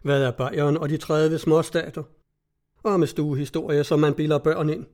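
A man voicing a pompous small-town orator who gives a slow, grandiose speech. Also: fairly high pitch, steady tone, a little mellow, natural voice. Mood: rousing.

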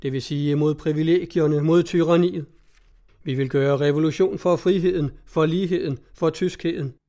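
A man voicing a pompous small-town orator who gives a slow, grandiose speech. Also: on the high side, mellow, natural voice.

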